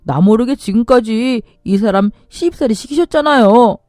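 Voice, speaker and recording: A man's voice: extremely high pitch, moderate pace, darkish tone, dry recording, clean studio sound, soft background music. A woman voicing an angry grown son who raises his voice to accuse his mother. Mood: accusing.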